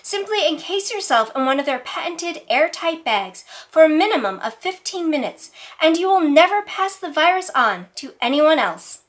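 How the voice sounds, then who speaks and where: A woman's voice: sits high, very animated, normal speed, few pauses, fairly bright tone. A woman reading scripted mock news as a parody news anchor, with formal, emphatic delivery.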